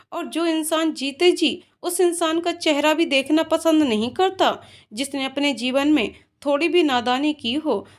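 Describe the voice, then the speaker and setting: A woman voicing a heartbroken husband who mourns and prays in sorrow, in her own high voice. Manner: sorrowful, praying. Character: grieving Punjabi husband, heartbroken.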